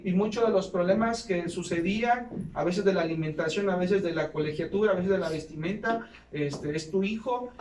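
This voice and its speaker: A man's voice: sits high, background noise. A man preaching a sermon as pastor, fervent and often calling his listeners "brother". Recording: echoey room from a distance, faint ambience.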